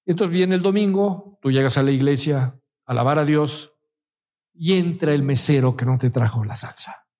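A man's voice: on the high side, normal speed, a little mellow. A middle-aged man with a Mexican Spanish accent, preaching a sermon in a conversational way, with stories and rhetorical questions. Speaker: pastor.

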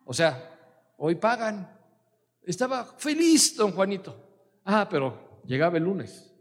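A middle-aged Mexican pastor preaches in a relaxed, conversational way, weaving personal anecdotes into scripture. His voice sits somewhat high for a man. The sound carries a long reverb, as in a large hall. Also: slow. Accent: Mexican Spanish. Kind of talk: sermon.

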